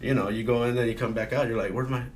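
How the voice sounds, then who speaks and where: A man's voice: mid-range voice, fairly even intonation, racing, slight background noise. A man hosting a podcast, chatting casually with a guest and backing him up with easygoing short reactions. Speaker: podcast host. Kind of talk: casual interview chat.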